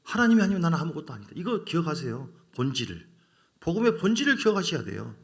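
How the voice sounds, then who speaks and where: A man's voice: a little high, very animated, fast talker, creaky. A male pastor preaching a Wednesday sermon, asking the congregation questions and acting out quoted voices.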